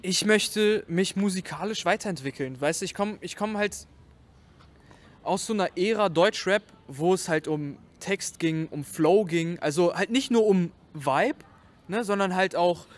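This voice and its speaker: A man's voice: high-pitched, measured pace. A young man, a rapper, chatting casually in slang in an interview. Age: young adult. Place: outdoors in a leafy park. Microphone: shared handheld interview microphone.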